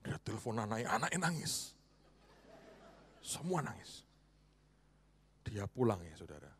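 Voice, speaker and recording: A man preaching a sermon. He tells stories dramatically, dropping to near-whispers and climbing to high exclamations, and often addresses the congregation directly. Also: sing-song, measured pace, slight background noise. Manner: often addresses listeners as brothers and sisters. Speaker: preacher and spiritual mentor.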